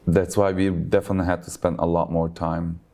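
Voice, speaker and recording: Low-voiced Turkish-born man being interviewed. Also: fairly quick. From Turkey. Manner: relaxed, uses many fillers like "like" and "basically". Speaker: logistics business owner. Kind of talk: conversational interview. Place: conference event.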